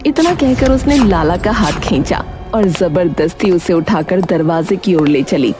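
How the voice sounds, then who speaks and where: A woman narrating a cartoon story in a dramatic, measured storytelling manner. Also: on the low side, expressive. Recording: music bed behind.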